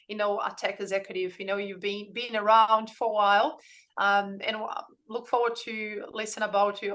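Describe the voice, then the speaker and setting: A woman hosts a community talk, reading out a guest's background and then opening the interview. She speaks hesitantly, often pausing on "um" and restarting her phrases. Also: a little high, pushed and bright. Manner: hesitant, many um fillers and restarts. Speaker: host.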